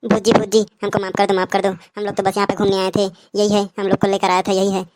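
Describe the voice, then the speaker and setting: A woman's voice: medium pitch, little pitch movement, fast talker, a little mellow, lightly acted. A woman voicing frightened, squabbling kids in a cartoon. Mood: panicky. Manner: panicky, squabbling. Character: jittery cartoon kids on a night camp. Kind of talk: cartoon dubbing.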